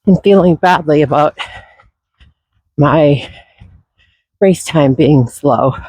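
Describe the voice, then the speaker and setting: A man talking casually and reflectively while out running, his voice breathy and still husky from a recent illness, with sighs and pauses. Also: fairly high pitch, a little mellow, no room sound, low-quality recording. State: voice not fully recovered from illness, husky. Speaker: running vlogger. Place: outdoors on a trail.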